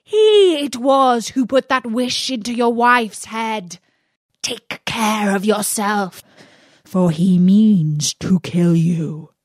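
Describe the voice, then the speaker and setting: A woman's voice: mid-range voice, expressive, slow pace, dry recording, studio quality. A woman doing a shrieking furious genie. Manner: shouting, outraged. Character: furious shrieking male genie, enslaved spirit.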